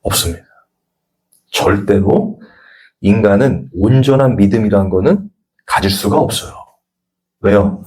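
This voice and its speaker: A man's voice: on the low side, measured pace, long pauses, darkish tone. A male pastor giving a conversational sermon at a Sunday church service, telling stories and acting out the dialogue.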